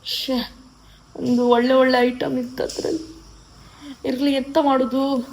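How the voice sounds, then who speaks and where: A woman's voice: high voice, flat delivery, slow pace, vocal fry, darkish tone, slight background noise, poor audio. A woman, chatting emotionally to camera in a casual vlog, with many restarts. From coastal Karnataka, India. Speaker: vlogger.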